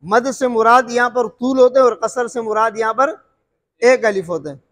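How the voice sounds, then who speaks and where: In a recording with a long reverb tail, a man with a very high, slightly bright voice speaks at normal speed. He teaches students the rules of Quran recitation, repeating key terms, testing his listeners and stretching out sung examples. "What's it called" comes up often as a filler.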